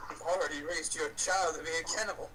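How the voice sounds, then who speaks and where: A man's voice: fairly high pitch, steady tone, fast talker, background noise. A man playing a tabletop game, teasing the others in a dry way. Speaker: player. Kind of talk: casual game chat.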